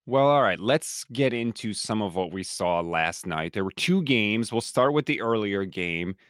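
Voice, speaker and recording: A man hosting a sports talk podcast, his voice rough, grating and hoarse from a cold, speaking emphatically. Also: lowish voice, animated, unhurried, fairly bright tone, no echo, studio quality. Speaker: podcast host.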